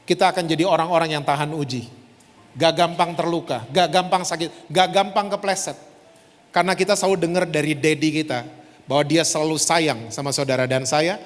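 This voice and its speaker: A middle-aged male pastor giving a lively, conversational sermon, often turning to the congregation with asides. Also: a little high. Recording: long reverb of a large hall.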